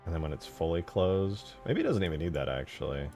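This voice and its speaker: This channel host has a deep voice with big pitch swings and a fairly quick pace. Working on a game mod, he gives casual screen-share commentary, musing aloud and swearing freely, while music plays behind him.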